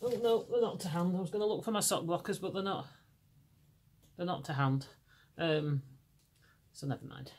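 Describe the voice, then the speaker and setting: Casually chatting as a podcast host, a middle-aged Englishwoman with a Lancashire accent speaks at a moderate pace with a slightly mellow tone. Her naturally deep voice stays hoarse from laryngitis, and she rambles with lots of restarts.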